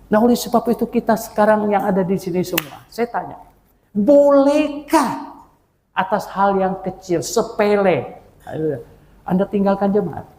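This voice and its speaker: An older man preaching a sermon as pastor. He moves between loud exclamations and quiet asides, tells humorous stories and asks the congregation questions. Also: normal speed, a little hiss or hum. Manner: animated, swings from loud exclamations to low asides. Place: church hall. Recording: church hall with long reverb.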